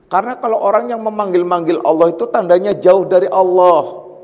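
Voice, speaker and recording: A man's voice: sits high, a little mellow, big-room sound. A man giving a religious study lecture as a Sufi teacher, explaining patiently, repeating key phrases and warning emphatically. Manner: explains patiently with repetition and everyday examples; warns emphatically. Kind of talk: religious lecture on a classical text.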